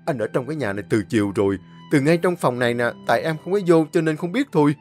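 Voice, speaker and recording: A man's voice: a little high, animated, fast, a little mellow, faint music behind, lightly acted. A man playing a drunk, pushy ex-husband. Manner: insistent, pleading.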